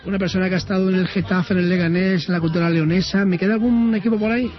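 High-voiced hesitant radio host man. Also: steady tone, faint music behind. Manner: hesitant, halting with many pauses. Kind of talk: local radio interview. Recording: muffled radio broadcast.

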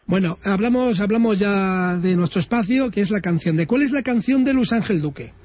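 A man hosts a local radio interview, his voice pitched high for a man. He speaks haltingly, pausing and restarting. The sound is muffled, as if from a radio broadcast. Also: dry recording. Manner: hesitant, halting with many pauses. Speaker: radio host.

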